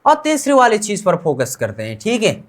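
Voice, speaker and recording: A woman's voice: mid-range voice, huge pitch swings, normal speed. A woman with an Indian accent teaching Korean pronunciation in Hindi, repeating each word many times and asking her students questions before giving the answer.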